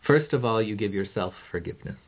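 A man with a fairly low voice hosts a phone-in card reading show. He explains and advises in a measured, conversational way, often restarting his phrases. The audio is muffled and narrow like a call. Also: animated. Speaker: phone-in tarot show host.

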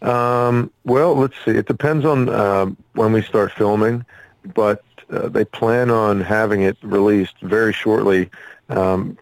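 A man's voice: lowish voice, steady tone, a little slow, creaky, dry recording, rough recording. A man speaking as a musician and actor guest in a casual interview, earnest and a little hesitant.

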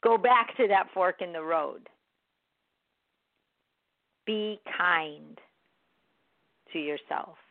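A woman giving a gentle, encouraging and reflective motivational self-help talk. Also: lowish voice, very slow, pauses often, dry recording. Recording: dry, tinny phone-like sound.

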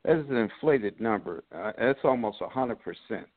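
A man's voice: fairly low pitch, expressive, dry recording. Middle-aged guy calling in over the phone, lots of uhs, dry tinny line. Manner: halting, many "uh" pauses. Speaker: caller. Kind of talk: call-in sports talk.

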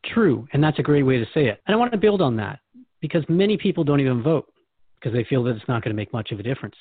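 With a mid-range voice, big pitch swings and a fast pace, a man hosts a radio conversation, asking questions and reflecting back what he hears with real engagement. The audio is dry, with no room sound, and thin like a phone line.

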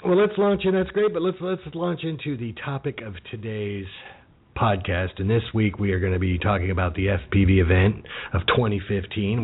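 A man's voice: medium pitch, slightly rough. A man hosting a casual podcast interview, chatty and full of "you know" fillers. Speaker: podcast host. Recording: phone-like narrow audio.

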